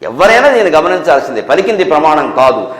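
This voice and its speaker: A high-pitched man preaches a spiritual discourse to a gathered audience. He scolds with rhetorical questions and dry humour. His voice rings out with a long reverb tail in a large hall. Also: very animated, quick pace, a bit bright.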